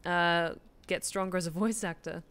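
Speaking at a normal pace in a lowish, steady, slightly bright voice, this young Australian streamer and voice actor chats while gaming. She rambles and fills her talk with fillers, recorded in a small room indoors.

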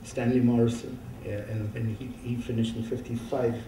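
A man speaks into a lectern mic in a large auditorium, his voice mellow and soft-edged. He reminisces in a halting way, with many fillers and restarts. The sound is roomy and distant, picked up from far across the hall, with faint background hiss. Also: medium pitch, flat delivery. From India. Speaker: keynote speaker. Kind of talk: conference keynote talk. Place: large dark auditorium stage. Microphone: lectern microphone, heard from far off.

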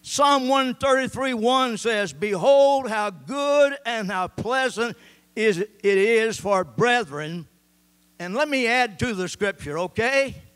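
With an extremely high pitch and a clean, fairly bright tone, the older pastor sounds animated yet speaks slowly. He delivers his sermon indoors on a church stage among band gear, reading scripture into a handheld mic and gesturing as he goes.

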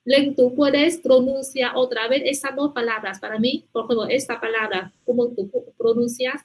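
A woman's voice: on the high side, steady tone, normal speed, low-quality recording. A woman teaching a language class, patiently praising students and checking with them often. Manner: patient, repeats "muy bien" and "¿vale?" often. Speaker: Spanish teacher.

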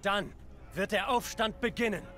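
An actor playing a fierce, commanding rebel leader with solemn, rousing oratory in a video game. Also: male voice, high voice, moderate pace, music in the background, lightly acted. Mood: grave, commanding. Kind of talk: dramatic video game voice acting. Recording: loud battle noise and crowd behind.

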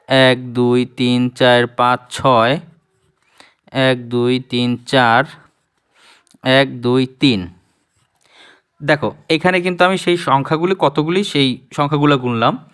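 Bangladeshi Bengali male math teacher, unhurried online lesson, clean, clear tone. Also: mid-range voice, a bit bright. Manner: slow, counting digits aloud, pausing to correct himself. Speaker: primary school math teacher. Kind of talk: online lesson explaining place value.

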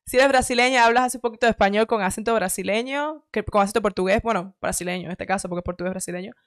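A woman's voice: medium pitch, racing, no echo, studio quality. A young woman hosting a casual reaction chat, reading comments and joking with teasing asides and frequent laughs.

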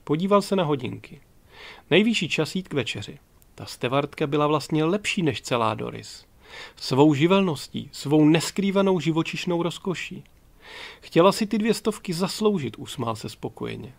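A man reading an audiobook in a steady, measured way. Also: a little high, creaky. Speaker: audiobook narrator. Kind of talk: audiobook narration.

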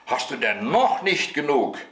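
A man voicing a kind, patient old moon who gently scolds, in a bedtime story reading. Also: medium pitch, measured pace, voice pushed up. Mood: gentle. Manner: calm, mildly scolding. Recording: roomy echo.

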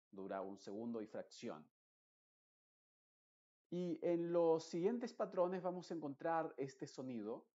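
Male teacher, patient explainer, mellow voice, muffled lo-fi recording. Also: medium pitch. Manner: explains patiently, stretches vowels, reads word lists aloud. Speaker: English pronunciation teacher. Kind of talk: recorded online lesson.

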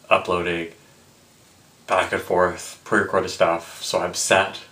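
A tipsy man in his twenties rambling casually to camera, halting and repeating himself with mock-indignant asides. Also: low voice, pushed and bright. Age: 20s. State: tipsy from drinking. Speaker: vlogger. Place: small indoor room with block wall, seated close to camera.

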